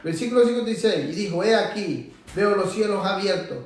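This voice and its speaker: A man's voice: sits high, fairly quick. Man preaching, pushy and emphatic, lots of echo, mic kinda far. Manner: emphatic, rising to loud exhortation. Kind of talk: sermon. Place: church hall. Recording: echoey room, from far off.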